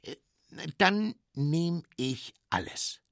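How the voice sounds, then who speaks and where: A man's voice: fairly high pitch, very animated, drawn-out words, a bit bright, no room sound, clean studio sound, pitched above the performer's own voice, full character voice. A man playing a naive friendly dragon. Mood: earnest. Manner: earnest, ponderous questions.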